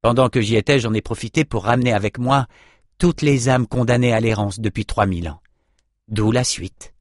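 A man reading an audiobook, voicing a calm, self-assured male hero who explains things in a matter-of-fact, wry way. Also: medium pitch, moderate pace, dry recording, studio quality, close to an everyday voice.

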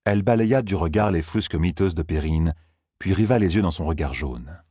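A man narrating a fantasy audiobook in a steady, even storytelling manner. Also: low-pitched, normal speed, slightly rough, no room sound, clean studio sound.

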